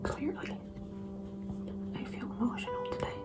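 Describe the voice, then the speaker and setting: A young adult woman whispering a personal vlog, tearful and nervous. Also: moderate pace. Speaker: vlogger filming a pregnancy test. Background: guitar music.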